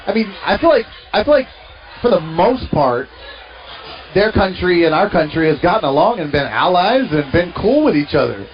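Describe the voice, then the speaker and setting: A man co-hosting a radio show, talking in an animated way and laughing easily. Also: sits high, moderate pace, lo-fi sound. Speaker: radio co-host. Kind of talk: casual banter.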